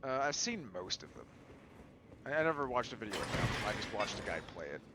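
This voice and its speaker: A man's voice: quick pace, heavy background noise. A man with a Southern accent chatting casually and swearing while playing a co-op game with a friend. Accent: American Southern. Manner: laid-back, swears, lively swings in pitch. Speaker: streamer playing co-op. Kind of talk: casual gaming chat. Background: game music.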